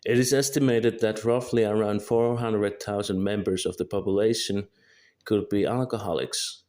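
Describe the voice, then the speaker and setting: A young man in his early twenties, a video creator from Finland, carefully reads a monologue from a script and fixes small errors as they happen. He has a Finnish accent from his native Finnish, and his lowish voice is steady and darkish at normal speed.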